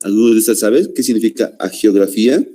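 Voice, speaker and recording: A man with a Bolivian Spanish accent lecturing a class, halting with fillers and constant "¿no?" tags. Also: lowish voice, warm tone. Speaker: teacher.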